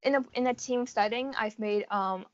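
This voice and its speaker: This interviewee is an American college student in her late teens, about 18 or 19, answering casually and informally with frequent hedging. She speaks at normal speed in a voice on the high side; the recording sounds dull and has no room sound.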